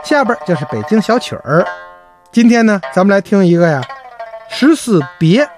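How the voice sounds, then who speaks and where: A man with a Beijing accent hosting a radio show and telling a story in an animated, colloquial way. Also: high voice, normal speed, over music. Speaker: host and storyteller.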